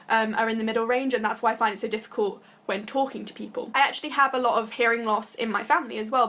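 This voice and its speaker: A woman's voice: a little high, a bit bright. A young woman from Britain chatting casually to camera as a vlogger, giggly and full of fillers. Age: young adult. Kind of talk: casual vlog talk to camera.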